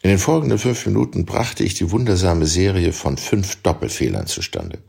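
Deep, gravelly male audiobook reader. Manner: measured, expressive storytelling. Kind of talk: literary audiobook narration.

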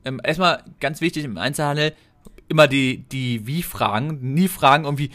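A man, co-hosting a casual podcast chat, telling stories lively and acting out customers' lines. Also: fairly high pitch, moderate pace. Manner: animated storytelling, acts out customer quotes. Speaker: podcast co-host.

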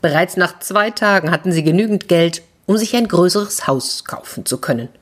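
Husky woman reading a fairy tale to children. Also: fairly low pitch, normal speed. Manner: lively, expressive narration that drops to whispers. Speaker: children's storyteller and podcast host.

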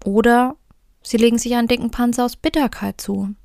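A woman's voice: on the high side, fairly even intonation, brisk, vocal fry, a little mellow, dry recording. Woman reading as sad, lonely Sadness figure. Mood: lamenting. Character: personified Sadness, small, shrunken, lonely and lamenting. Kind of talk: fairy tale reading.

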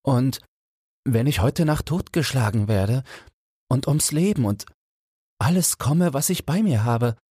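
A man's voice: mid-range voice, animated, measured pace, pauses often, dark tone, husky, no room sound, clean studio sound, voice pushed up. A man voicing Felix, a young goldsmith apprentice, fearful and pleading in a fairy-tale audiobook. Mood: anxious, pleading.

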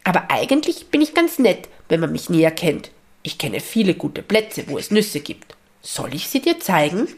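A woman's voice: lowish voice, big pitch swings, normal speed. Woman doing a nonstop chattering magpie. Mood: eager. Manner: rambling, apologetic, breathless chatter.

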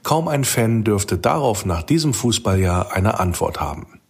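Male commentator, husky voice, low-pitched, scripted critical commentary. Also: big pitch swings, unhurried. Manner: critical, analytical. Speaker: podcast commentator.

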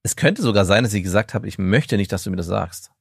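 A middle-aged man with a low, gravelly voice talks openly and reflectively, often circling back to restart a thought. The sound is close and dry, with no room around him. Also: animated, fast, no echo. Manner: candid, reflective, hesitant restarts. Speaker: podcast co-host. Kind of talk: casual chat.

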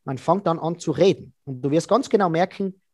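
Man, interview guest, animated storyteller, dry recording. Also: fairly high pitch, brisk, no echo. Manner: animated storytelling, acts out quoted dialogue. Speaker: guest, body language expert. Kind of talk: lively explanatory interview talk.

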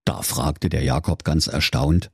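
A man's voice: a bass voice, fairly even intonation, a little slow, creaky, darkish tone, breathy edge, no room sound, studio quality. A man narrating a comic fairy tale in a mock-solemn storytelling manner.

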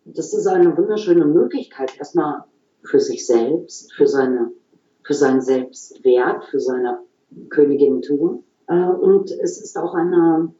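A woman talking calmly and reflectively as an interview guest, explaining her work at an unhurried, thoughtful pace. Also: sits low, reverberant, muffled recording. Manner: calm, explanatory, frequent "so" pauses. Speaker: guest, regression therapist.

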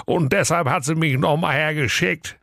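A man's voice: fairly high pitch, moderate pace, creaky, fairly bright tone, dry recording, clean studio sound, pitched above the performer's own voice. Good-natured, put-upon working man in a comic audio fairy tale, weary and exasperated, voice a bit lifted, played by a man. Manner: weary, exasperated, sing-song rhymes. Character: good-natured, henpecked middle-aged excavator driver.

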